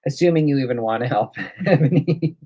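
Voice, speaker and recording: A man's voice: mid-range voice, fairly quick, dull audio, background noise. A man hosting a casual live coloring demo, chatting and thinking aloud as he works. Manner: chatty, thinks aloud while working, reads out viewer comments. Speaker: livestream host.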